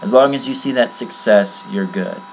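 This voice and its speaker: A man giving a casual, rambling screen-recorded software tutorial from his computer at home, with many fillers. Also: lowish voice, normal speed, creaky, slight background noise, low-quality recording. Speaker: tutorial maker.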